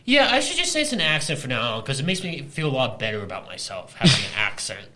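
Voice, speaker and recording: A man's voice: mid-range voice, sing-song, fast, bright, forceful tone. A man with a mild speech impediment, a comedian guest on a casual podcast, often stumbling and restarting his sentences.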